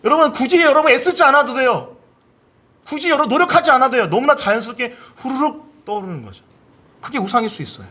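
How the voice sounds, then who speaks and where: With a fast, husky delivery, a male pastor preaches to a church congregation, performing inner voices with big pitch swings. He's animated and has the people repeat key phrases after him.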